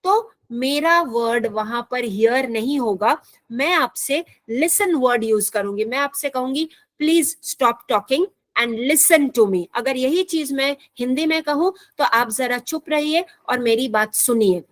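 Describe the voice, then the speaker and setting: Woman teacher from India, high voice, patient, repeats herself, slow careful English with an Indian accent, dry close sound. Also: no room sound. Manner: patient, repeats and rephrases often; slows down sharply to read English lines. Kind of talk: explaining a school English lesson in Hindi.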